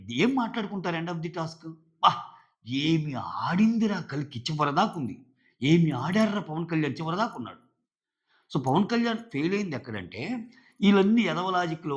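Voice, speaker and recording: Opinionated male reviewer, chatty, fairly high voice, dull lo-fi sound. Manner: chatty, opinionated, mixes English phrases. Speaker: reality show reviewer. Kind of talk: casual spoken commentary.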